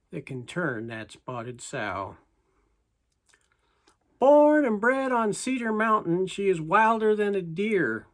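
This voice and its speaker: A person with a reciting poetry as a story in verse, in a folksy way with deliberate pauses. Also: medium pitch.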